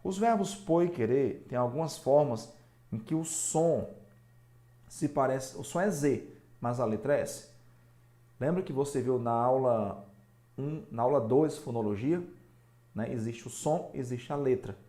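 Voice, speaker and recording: Brazilian guy teaching spelling, mellow voice, keeps asking "right?", roomy echo. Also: medium pitch, unhurried. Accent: Brazilian Portuguese. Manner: didactic, checks in with the viewer. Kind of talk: recorded spelling lesson. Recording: echoey room.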